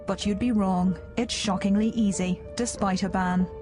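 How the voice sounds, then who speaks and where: A woman narrating a documentary in a measured, matter-of-fact scripted voice. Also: medium pitch, steady tone. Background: music.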